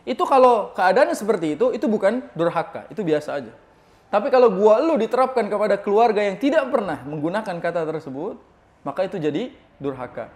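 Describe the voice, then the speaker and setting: A man preaching a religious study lecture, reading Arabic text slowly and then explaining it in a lively teaching tone with rhetorical questions. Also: high voice. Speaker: Islamic preacher.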